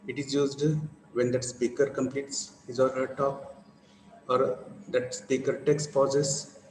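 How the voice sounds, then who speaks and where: A man's voice: medium pitch, reverberant, long reverb tail, a little hiss or hum, rough recording. A male teacher explaining intonation to a class, repeating points and checking that students follow. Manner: repetitive, asks for confirmation. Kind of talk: classroom lecture.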